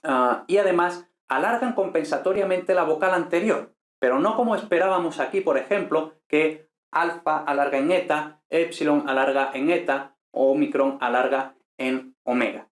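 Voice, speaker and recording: Guy from teaching a grammar class, calm explainer, keeps asking "right?", bit of room echo. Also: fairly high pitch, normal speed. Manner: patient, explanatory, ends points with tag questions. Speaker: teacher of ancient Greek.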